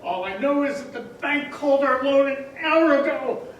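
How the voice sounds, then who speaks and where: Guy doing a panicky flustered uncle in a radio play, high voice, way off mic in an echoey room. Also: lively intonation, normal speed, a bit bright, dull audio. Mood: panicked. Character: flustered, panicky uncle at a small-town loan office. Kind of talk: stage radio play acting. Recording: echoey hall, distant mic, faint noise.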